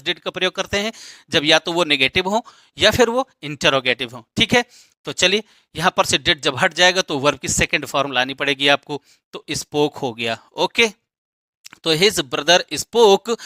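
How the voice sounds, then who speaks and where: A man's voice: on the high side, sharp tone, no room sound. A man teaching an English grammar lesson, explaining step by step and posing questions that he answers himself.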